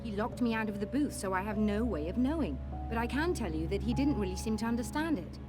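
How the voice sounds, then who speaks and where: Earnest, lively woman scientist, played by an actress. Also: fairly high pitch, quick pace, close to an everyday voice. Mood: baffled. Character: earnest, puzzled woman scientist in a video game. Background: clear game music.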